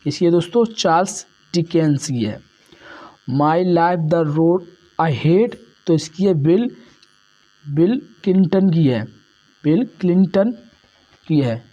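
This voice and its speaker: Male exam tutor, warm and mellow, repeats every answer, dull lo-fi sound. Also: a little high, animated, takes it slowly, pauses often. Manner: repeats each answer, keeps saying "friends". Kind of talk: exam-prep lesson.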